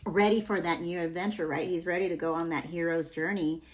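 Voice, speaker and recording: A woman's voice: on the low side, steady tone, a little fast. A young adult woman giving a casual, rambling tarot reading, full of fillers and asides. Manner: rambling, chatty, with many fillers. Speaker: tarot reader.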